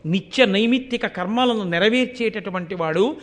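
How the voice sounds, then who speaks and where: Sermon speaker, male, very high pitch, animated storytelling. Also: normal speed. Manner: animated storytelling with chanted verse. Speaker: religious discourse speaker.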